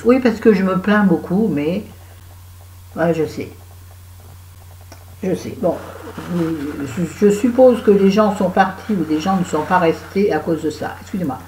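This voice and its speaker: A woman's voice: mid-range voice, mellow, a little hiss or hum. A French woman with a cold and a sore throat, chatting to her viewers in a rambling, self-mocking vlog at home. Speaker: vlogger. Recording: echoey room.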